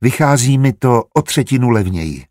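A man's voice: mid-range voice, lively intonation, a little mellow, no echo, clean studio sound, pitched above the performer's own voice, lightly acted. A man reading a kindly, eager steward. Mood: helpful. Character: good-natured, learned male estate steward. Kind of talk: audiobook character reading.

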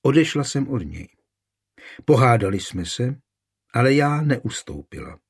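A man's voice: mid-range voice, sing-song, gravelly, slightly rough, full character voice. A man voicing an older woman, a stern mother who talks firmly and scolds. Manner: firm, scolding.

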